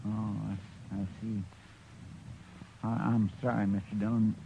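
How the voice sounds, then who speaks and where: Gravelly, humble western deputy. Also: male voice, fairly low pitch, level tone, a little slow. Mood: sheepish, downcast. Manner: hesitant, deferential, folksy. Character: humble, loyal, injured male deputy, earnest and apologetic. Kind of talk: 1950s radio western acting. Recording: dull, slightly noisy old radio recording.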